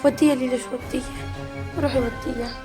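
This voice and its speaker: A woman's voice: high voice, quick pace. A young adult woman, hosting a family prank vlog at home, fussing and doting as she talks. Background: background music.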